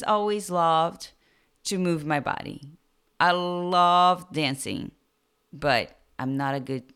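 Her voice deep and creaky yet fairly bright and clean, a Brazilian podcast host in early adulthood recounts her life, speaking slowly with lots of hesitation and fillers. Portuguese is her first language, and her accent reflects it.

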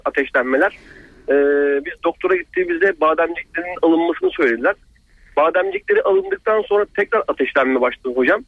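A man calling in to a radio show over a landline phone, telling his story without pausing for a break. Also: a little high, dry recording. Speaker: radio call-in caller. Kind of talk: call-in question to a doctor. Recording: dry tinny phone line.

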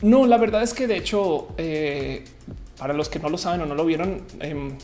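A woman hosting a casual livestream in a rambling, playful way, her diction slowed as she recovers from having her wisdom teeth out. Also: sits low, warm tone, soft background music. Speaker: livestream show host. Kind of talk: casual livestream chat to viewers.

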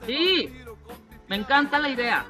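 Lively high-voiced woman co-host. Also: unhurried, faint music behind. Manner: playful, teasing, animated reading. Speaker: radio co-host. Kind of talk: reading humorous rhyming verses on radio.

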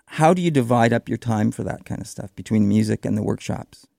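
A man hosting a conversational radio interview in a smooth voice, feeling his way through his phrases. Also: fairly low pitch, a little fast, dark tone, no room sound, studio quality.

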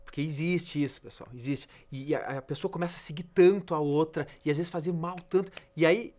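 A man's voice: on the high side, a little fast, darkish tone. A man, a biology teacher guesting in a casual chat, friendly and self-deprecating.

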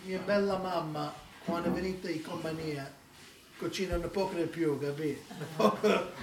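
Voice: medium pitch, normal speed. An Italian American host chatting casually at a dinner table, switching between English and Italian dialect. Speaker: host of a show. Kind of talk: casual bilingual group chat. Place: lively home dinner table. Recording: echoey room, far mic, busy chatter.

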